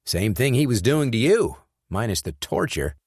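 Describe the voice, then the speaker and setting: A man voicing a tough former soldier in an audiobook thriller, speaking in clipped, forceful commands. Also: on the low side, big pitch swings, normal speed, husky, no echo, studio quality, heavily acted.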